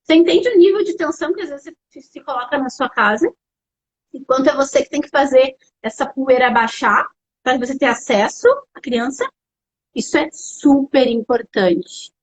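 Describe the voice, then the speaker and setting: High-voiced Brazilian woman giving parenting advice. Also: moderate pace, breathy edge, poor audio. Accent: Brazilian Portuguese. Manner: animated and explanatory, addresses viewers directly. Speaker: educational psychologist hosting a parenting live stream. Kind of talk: casual live-stream advice talk.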